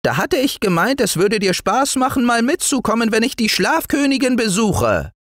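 A high, thin-voiced forest dwarf. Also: male voice, normal speed, no echo, studio quality, full character voice. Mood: earnest. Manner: scolding, lively. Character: small gray male forest dwarf, stern but kindly. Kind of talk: storybook reading.

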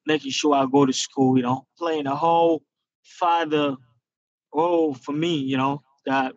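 Here a young Nigerian man in his twenties, appearing as a guest fighter, chats through an interview from a parked car. He sounds earnest and reflective, using many fillers, in a higher-leaning voice with fairly even intonation and an unhurried pace. The phone camera captures it as dull, lo-fi video call audio.

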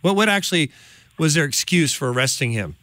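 A middle-aged man hosts a studio interview, pressing emphatic, indignant questions in a highish, bright, pushed voice with lively intonation and brisk pace. He speaks into a boom-mounted studio mic in a room with a large window, with no echo.

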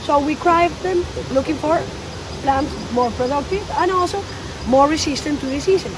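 A high-voiced woman in her thirties with a Colombian Spanish accent leads a coffee farm tour in lively, non-native English. She was recorded outdoors on a phone a few meters away. Steady background noise hisses under her voice. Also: normal speed. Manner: animated, gesturing while explaining, non-native English grammar. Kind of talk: guided tour explanation. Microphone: phone camera a few meters away.

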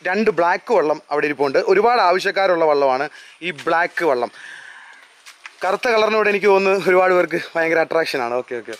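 A man's voice: fairly high pitch, expressive, fairly quick, a bit bright. A man hosting a casual vlog interview outdoors, chatty and echoing his guest's words. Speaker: vlog host.

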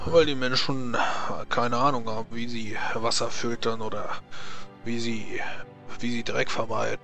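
A man's voice: medium pitch, little pitch movement, unhurried, vocal fry, a bit bright, soft background music. A man voicing a stolid dwarf temple brother in a tabletop game, terse and scornful of humans. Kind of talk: in-character tabletop role-play.

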